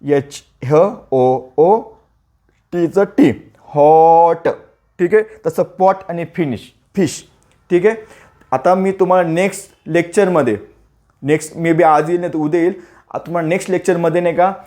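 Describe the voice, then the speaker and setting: Brief: male teacher, high voice, drills letter sounds by repeating them slowly for kids. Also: steady tone, a little mellow. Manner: repeats sounds slowly, asks and answers own questions. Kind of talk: phonics lesson for children.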